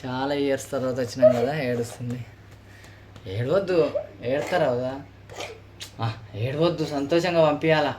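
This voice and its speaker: A man's voice: fairly high pitch, slight background noise. Man chatting on a family vlog. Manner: coaxing, gently consoling. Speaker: vlogger. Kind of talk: casual family vlog chat.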